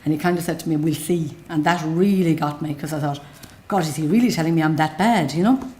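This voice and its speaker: Low, mellow west of Ireland woman. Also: brisk. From Galway, west of Ireland. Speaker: patient telling their own story. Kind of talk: unscripted personal account.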